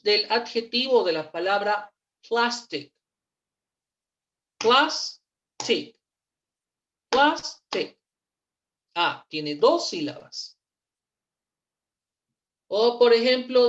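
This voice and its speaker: A woman teaching English in in an online class, patient and repeating each word slowly for pronunciation. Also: fairly high pitch, expressive, dull audio. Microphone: computer mic on a video call.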